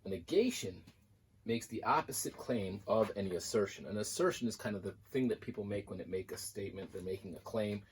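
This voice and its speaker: A man with a fairly low voice gives a classroom lecture, talking through examples on a board. He explains in an easy, conversational way, and faint noise sits under the recording. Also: animated, fairly quick, poor audio. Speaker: college math instructor.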